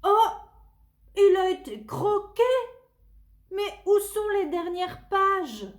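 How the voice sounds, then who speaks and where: In an echoey room, a woman plays an eager little storybook boy who loves books. The voice is pitched high, earnest and sing-song, full of exclamation. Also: animated, measured pace, darkish tone. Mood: shocked, indignant. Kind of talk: children's storybook character voice.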